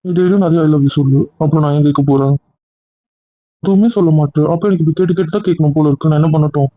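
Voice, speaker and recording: A man's voice: on the high side, racing, dry recording, close to an everyday voice. A man playing a pleading, insecure young lover. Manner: pleading, coaxing, repetitive. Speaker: husband or boyfriend. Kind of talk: Tamil audio drama acting. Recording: tinny phone-like recording.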